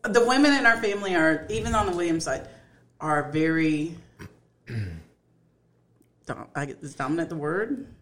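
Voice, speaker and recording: A woman co-hosting a casual podcast chat, animated, laughing often and acting out what others say. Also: lowish voice, normal speed, long pauses. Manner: animated, laughs often, acts out quoted voices. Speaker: podcast co-host.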